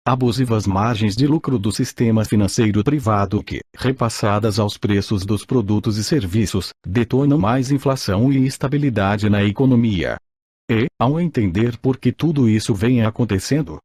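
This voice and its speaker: A man's voice: lowish voice, darkish tone, dry recording, clean studio sound. A man's synthesized, robotic voice like an old speech synthesizer, with a Brazilian accent, reading scripted audiobook narration in mechanical phrasing.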